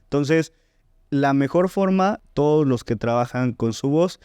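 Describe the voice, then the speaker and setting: A man's voice: a little high, expressive, measured pace, darkish tone, smooth, no echo. A man, a voice teacher and singer explaining technique in a podcast interview, often checking in with "¿no?" and "¿sí?". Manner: didactic, frequent "¿no?" and "¿sí?" check-ins.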